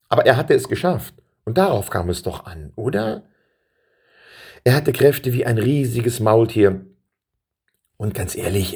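A man narrates a children's story and speaks straight to his young listeners. His low voice is gravelly and husky. His pitch swings widely as he reads. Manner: lively, addresses listeners directly.

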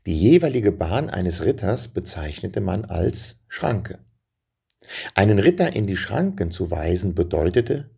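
Gravelly, husky male storyteller. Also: low-pitched, mellow. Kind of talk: storybook narration and explaining a saying.

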